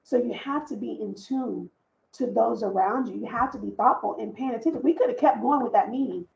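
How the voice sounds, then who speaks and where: Earnest woman with a gravelly voice. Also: fairly high pitch, fairly quick, a little mellow, reverberant, muffled recording. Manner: earnest, emphatic storytelling with repeated phrases. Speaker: panelist, diversity and inclusion leader. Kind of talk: conversational panel discussion.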